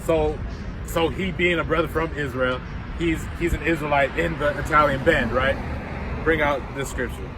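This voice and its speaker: A man's voice: a little high, normal speed. A man preaching and teaching from the Bible outdoors, repeating himself and tagging "right?" onto his points. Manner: repetitive, keeps asking "right?". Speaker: street preacher. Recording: outdoor traffic noise.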